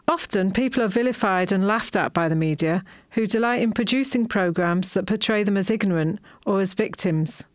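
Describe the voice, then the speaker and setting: A woman's voice: mid-range voice, dry recording, studio quality. Earnest woman reading a podcast intro. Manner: measured, earnest read. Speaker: podcast host. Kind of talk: scripted introduction.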